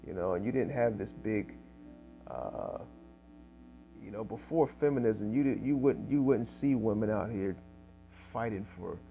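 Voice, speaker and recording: A man's voice: on the low side, animated, unhurried, creaky, highs cut off, soft background music. A man preaching in casual street style, reading scripture aloud and tagging lines with "okay?" and "man". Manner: fills with "man" and "okay?", reads verses louder.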